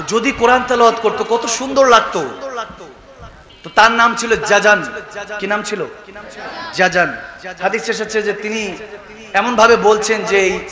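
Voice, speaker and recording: A man preaching a sermon, telling stories and calling out to the crowd for responses, often rising into shouts. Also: sits high. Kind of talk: sermon storytelling. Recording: echoey PA sound with crowd.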